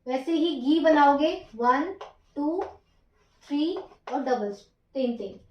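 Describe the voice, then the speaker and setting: A woman's voice: sits high, animated, takes it slowly, echoey room, muffled recording. A woman teaching Japanese script, counting out each stroke in a patient, stepwise way. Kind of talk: slow stroke-by-stroke writing lesson.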